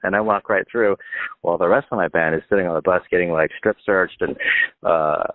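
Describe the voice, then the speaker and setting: A man's voice: low-pitched, fairly quick, dry recording. A man in his fifties from Northern California, a guest musician chatting in a casual, rambling way, full of "like" and restarts. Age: 50s. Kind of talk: casual phone interview. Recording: tinny phone line.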